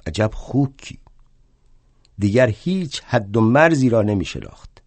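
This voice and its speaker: An older man playing a proud, indignant aging male revolutionary thinker in a one-man stage play, telling his story wryly and flaring into indignant shouts. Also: on the low side, big pitch swings, dry recording.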